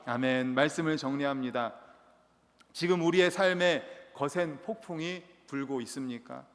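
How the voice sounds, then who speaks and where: High-voiced Korean pastor preaching. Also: male voice, normal speed. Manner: earnest preaching with rhetorical questions and humorous storytelling. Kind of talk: sermon. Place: church sanctuary. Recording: long church hall reverb.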